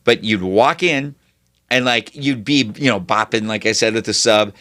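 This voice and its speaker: A man co-hosting a podcast in casual chat, telling profane, animated stories. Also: lowish voice, normal speed, dry recording, studio quality. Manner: profane, animated storytelling with mocking put-on voices. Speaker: podcast co-host.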